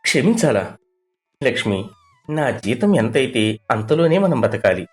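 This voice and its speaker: A proud young husband who scolds his wife with hurt reproach, played by a man in a cartoon tale. His pitch rises and falls widely, and faint music runs under him. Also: a little mellow, natural voice.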